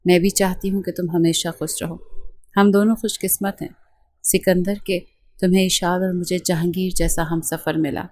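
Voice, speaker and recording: Woman playing a tender young wife, innocent and gentle, low dry voice. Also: level tone, no room sound, close to an everyday voice. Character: young wife newly in love, gentle and tearful.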